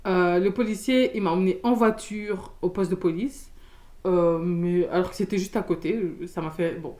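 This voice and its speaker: A young woman from Belgium, telling a storytime in casual slangy chat, loud and expressive, acting out the people in her story. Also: fairly low pitch, normal speed. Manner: casual slangy talk with many fillers.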